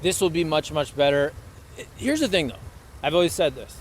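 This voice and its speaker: A man in his late thirties co-hosting a podcast in relaxed, chatty conversation. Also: on the high side, moderate pace, slight background noise. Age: 30s. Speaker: podcast co-host. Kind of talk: casual chat.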